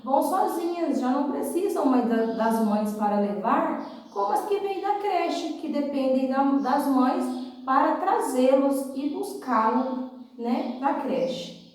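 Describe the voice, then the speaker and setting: Brazilian female preschool teacher in kids-show host mode, high voice, unhurried delivery, simple repeated explanations, recorded away from the mic in a very echoey room. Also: expressive, darkish tone, far from the mic. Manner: simple explanations addressed to small children, with repetition. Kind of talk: children's lesson and storytelling, like a kids show host.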